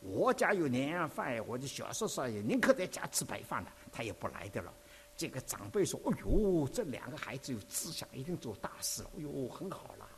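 Telling stories from his own life, a male preacher from Dinghai in Zhejiang, China, delivers a testimony-filled sermon in an expressive, conversational way. His mid-range voice is fairly quick and jumps around in lively intonation, over a little hiss or hum.

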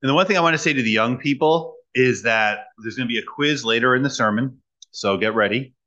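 A man preaching in short phrases and pausing for an interpreter, teasing the young people about a quiz. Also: mid-range voice, pushed and bright, highs cut off. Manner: pauses for translation, teacherly, jokes with young people. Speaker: guest preacher. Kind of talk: sermon with live interpreter.

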